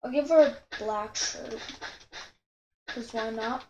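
A woman's voice: on the high side, slow pace, dark tone, reverberant, dull audio, a little hiss or hum. A woman hosting her channel, chatting casually with viewers as she draws, rambling and often correcting herself. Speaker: channel host. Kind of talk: casual commentary while drawing.

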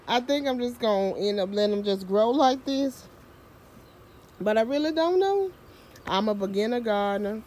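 Slow-talking woman touring her backyard garden. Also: fairly high pitch, darkish tone, a little hiss or hum. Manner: chatty, self-mocking, uses Southern US slang. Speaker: home gardener and vlogger. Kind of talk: casual garden tour. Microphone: handheld phone camera.

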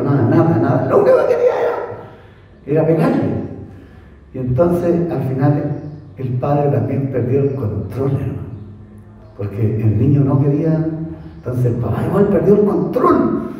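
A man's voice: on the high side, huge pitch swings, moderate pace, long pauses, dark tone. A man with a Chilean accent preaching a sermon, emphatic and repetitive, asking rhetorical questions of the congregation. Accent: Chilean Spanish. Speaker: pastor. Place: church hall. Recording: echoey church hall, voice from far off.

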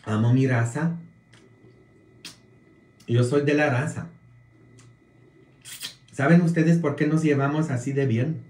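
Polish-born male priest, casual viewer talk, very slow, roomy echo, keeps tossing in "mm?" checks. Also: mid-range voice, darkish tone. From Poland. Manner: slow, drawn-out delivery with frequent "mm?" tag questions.

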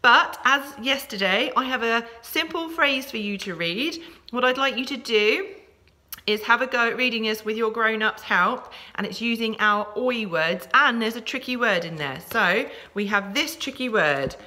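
A woman's voice: a little high, normal speed, bright, forceful tone. A woman teacher giving a home-learning phonics lesson to young children, upbeat, encouraging and sing-song. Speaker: primary school teacher.

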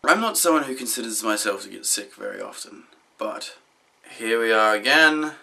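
A young adult male video blogger rambles casually to camera in a small indoor room, his voice low, husky, and deepened by illness. He speaks at normal speed with wildly swooping pitch and a bright, forceful tone.

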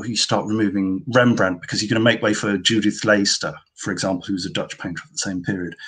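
A man with a husky, slightly breathy voice makes his case in a casual discussion about art. He argues forcefully and emphatically, and his pitch sits in an ordinary middle range.

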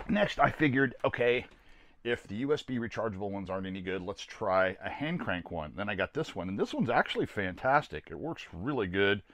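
In a cramped camper trailer, an older American man, about sixty, hosts his camping gear video series with a relaxed, plainspoken review delivered to camera. He wanders folksily through his thoughts in a lowish voice with a fairly bright tone.

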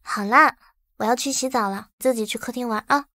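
An actress playing a patient young wife who coaxes and gently scolds her husband. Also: a little high, a little fast, no room sound, studio quality. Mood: gently scolding. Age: young adult. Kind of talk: short romantic drama acting.

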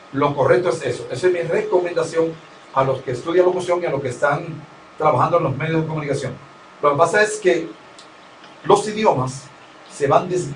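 Higher-voiced radio announcer, roomy sound. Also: male voice. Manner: didactic, lists points and gives advice. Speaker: professional radio announcer, interview guest. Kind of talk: conversational interview. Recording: roomy, distant mic with faint noise.

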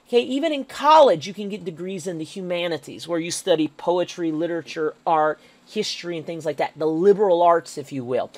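A woman's voice: fairly low pitch, darkish tone, no room sound. A woman teacher giving a recorded history lecture over slides, emphatic and checking in with "okay?" as she goes.

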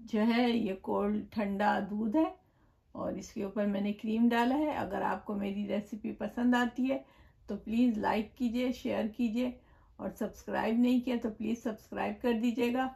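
A woman hosting her own cooking channel, explaining a recipe step by step in a gentle, chatty way, with blessings and greetings to her viewers. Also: medium pitch, fairly even intonation, moderate pace, gravelly. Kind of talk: home cooking tutorial voice-over. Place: home kitchen.

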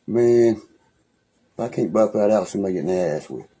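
On a profane phone live stream from a small room in his home, a young West Virginian-accented livestreamer rambles, threatens and curses nonstop in anger. His voice sits on the low side, animated, a little fast, warm and husky.

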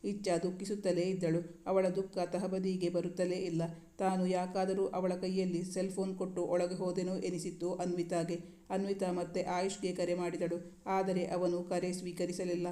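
Flat-voiced woman narrating a storybook. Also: lowish voice, normal speed. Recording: roomy echo.

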